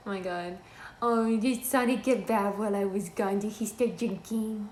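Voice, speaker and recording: A woman's voice: mid-range voice, fairly even intonation, a little slow, slight background noise, natural voice. A woman playing a mischievous teenage girl hero student, rambling and teasing with lots of laughter in live cosplay role-play over a call. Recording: echoey live video call.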